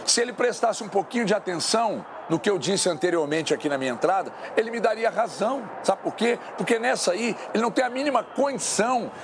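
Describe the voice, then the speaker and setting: A man's voice: high-pitched, animated, fast, few pauses, noisy background. A man debating on a sports talk show, emphatic and repeating his points. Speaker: sports pundit. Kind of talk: heated studio debate. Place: television studio.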